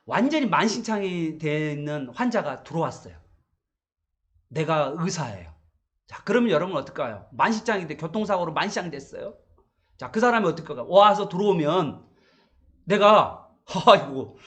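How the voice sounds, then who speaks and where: A man's voice: high-pitched, fairly bright tone. A male pastor giving a morning Bible sermon, asking the congregation rhetorical questions.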